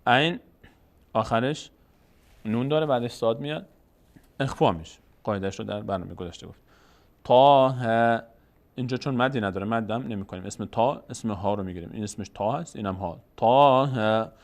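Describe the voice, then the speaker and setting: A male teacher leads a step-by-step recorded lesson on reading the Quran. He talks patiently, poses questions and answers them himself. When he demonstrates, he stretches each sound out slowly. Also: fairly low pitch.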